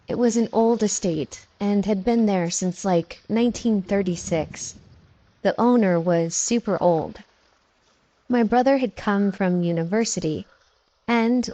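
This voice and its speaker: Lady reading creepy true stories, calm measured read, dead dry close sound. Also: mid-range voice, no echo, low-quality recording. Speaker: narrator. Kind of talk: scripted narration of scary stories.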